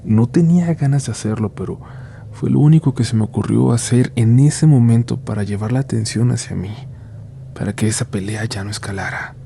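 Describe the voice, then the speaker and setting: A man with a Mexican accent tells horror stories in a dark, mellow voice that crackles with vocal fry. He is a grave, suspenseful narrator who leaves deliberate pauses and sinks toward a hush, over faint background ambience. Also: medium pitch. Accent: Mexican Spanish. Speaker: horror story podcast host and narrator.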